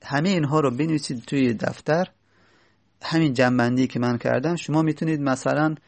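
A man's voice: medium pitch, creaky, no room sound. A man teaching an Arabic grammar lesson, patiently repeating each rule and example step by step. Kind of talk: explanatory lesson.

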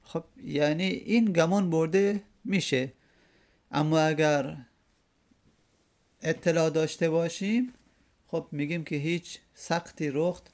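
A religious teacher lectures in a fairly high, darkish voice with frequent pauses. The talk is a classroom explanation of a hadith text, in which he unpacks a quoted Arabic verse word by word and repeats key terms.

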